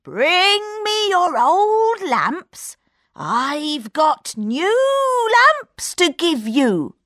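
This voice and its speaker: A woman voicing a wicked old male magician in disguise, speaking in a sly, drawn-out way. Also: very high voice, big pitch swings, a bit bright, no echo, studio quality, pitched above the performer's own voice, exaggerated voice. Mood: calling.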